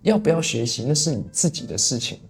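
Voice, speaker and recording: A man's voice: mid-range voice, fast, vocal fry, soft background music. Young Taiwanese man in easygoing chat. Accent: Taiwanese Mandarin. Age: young adult. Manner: relaxed, easygoing, frequent "对" affirmations. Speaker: podcast co-host. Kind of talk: casual chat.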